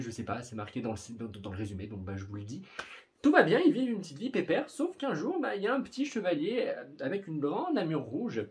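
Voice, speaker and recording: A young man chatting casually in a vlog about upcoming manga, rambling and often stumbling over his words. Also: mid-range voice. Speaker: manga YouTuber.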